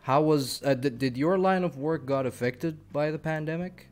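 A man hosting a podcast in casual interview chat, hesitant and halting, stammering through his questions and apologizing for it. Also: on the high side, darkish tone, soft background music. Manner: hesitant, halting, many fillers and restarts, apologetic. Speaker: podcast host.

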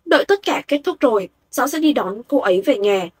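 Storybook read: woman reading a determined young hero, husky, high-set voice. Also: animated, a little fast. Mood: resolute. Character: young male cultivator hero, resolute.

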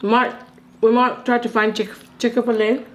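Filipina woman, relaxed food vlog co-host, mid-range voice, easygoing chatter. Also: medium pitch, normal speed. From Philippines. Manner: easygoing, prompts viewers and partner. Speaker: food vlogger. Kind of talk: casual food-tasting chat.

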